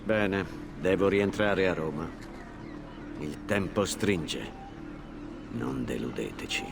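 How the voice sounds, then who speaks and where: A man voicing a stern, commanding conspirator lord in a video game, grave and measured. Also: low voice, sing-song, creaky, heavy background noise, full character voice. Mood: stern, menacing. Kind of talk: video game cutscene acting.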